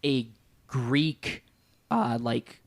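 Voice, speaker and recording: A man's voice: mid-range voice, expressive, very slow, creaky, no echo. A man co-hosting a movie podcast in casual chat, with dry, wry humor. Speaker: podcast co-host.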